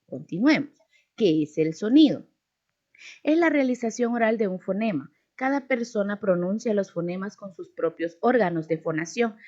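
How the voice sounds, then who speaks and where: A woman's voice: on the high side, lo-fi sound. A woman teaching a language lesson over a video, patiently spelling out letters and sounds one by one.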